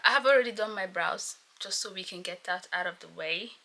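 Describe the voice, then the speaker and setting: A woman's voice: mid-range voice, brisk, creaky, slight background noise. Nigerian woman in her thirties, chatty. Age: 30s. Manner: rambling, chatty, with fillers and laughs; talks softly so as not to wake someone. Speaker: vlogger. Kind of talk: casual get-to-know-me chat. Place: home, doing makeup on camera. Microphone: camera mic. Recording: loud background guitar music.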